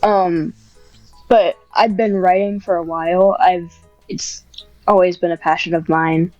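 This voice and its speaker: On a podcast, a woman guest talks casually and hesitantly about writing ASMR scripts, full of fillers and restarts, in a relaxed interview chat. Her lowish voice is fairly even in intonation, measured in pace, and darkish in tone. The recording is muffled and dry with faint music behind.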